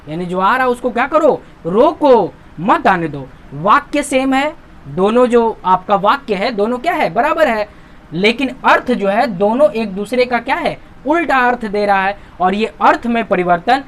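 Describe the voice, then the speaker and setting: A man teaching a grammar lesson, patiently walking through on-screen examples, asking himself questions and answering them, and reading example sentences slowly with emphasis. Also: extremely high pitch, a bit bright. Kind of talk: classroom-style lesson explaining on-screen examples.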